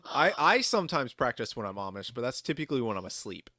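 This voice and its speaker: A man moderating a casual gaming podcast, joking in a playful deadpan. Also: mid-range voice, fast talker, no room sound. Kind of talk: casual chat.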